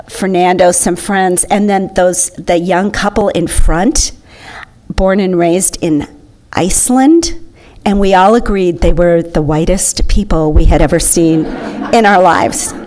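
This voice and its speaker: Chatty woman giving a slow slideshow talk. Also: fairly low pitch, a little mellow. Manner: chatty, enthusiastic. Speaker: presenter.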